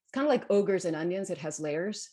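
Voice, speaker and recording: A Guatemalan woman in her forties, an interview guest, talks reflectively about personal matters, emphatic and repeating phrases to drive her points home. Her voice is on the low side, dark with a breathy edge, animated and brisk.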